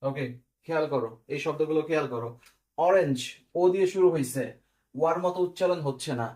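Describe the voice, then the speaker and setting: A man's fairly high, slightly mellow voice moves at a somewhat fast clip as he teaches English grammar step by step. In this recorded online class, he asks quiz questions and checks in with "clear?"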